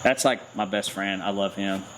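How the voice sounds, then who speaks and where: A man, telling a story in a lively, animated way and laughing often. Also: sits low, normal speed, slight background noise, low-quality recording. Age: 30s. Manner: animated, laughs often, acts out voices in his stories. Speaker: garage channel host. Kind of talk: casual storytelling chat.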